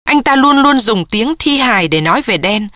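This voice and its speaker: A young woman torn apart by grief, pleading and tearful, read by a woman narrator. Her voice sits a little higher than the narration and carries a bright edge. The recording is dry and close. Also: animated, moderate pace, no echo. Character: distraught young woman, sobbing and desperate.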